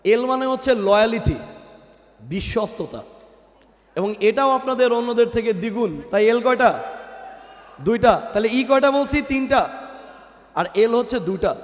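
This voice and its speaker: A high-voiced man gives a motivational speech as a guest speaker at a company event in a large indoor hall, quizzing the crowd and mixing English into his talk. He speaks through a PA microphone, and the long hall reverb creates a cathedral-like echo.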